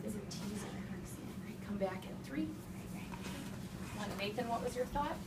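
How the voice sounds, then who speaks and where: A woman teacher speaks in a mid-range voice at a moderate pace, reading to young children and giving instructions with simple, repeated phrases and emphasized key words. The far microphone picks up an echoey, noisy classroom with children talking and room noise.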